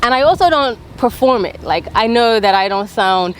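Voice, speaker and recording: A woman's voice: a little high, expressive, normal speed, rough recording. Woman with a light Bermudian accent. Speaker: spoken word performer being interviewed. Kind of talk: casual interview talk. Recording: faint outdoor traffic noise. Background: faint traffic and outdoor ambience.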